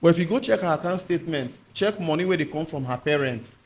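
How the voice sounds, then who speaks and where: A man's voice: a little high, expressive, fast, slight background noise. A man with a Nigerian accent discussing things on a podcast panel, mixing Nigerian Pidgin with English.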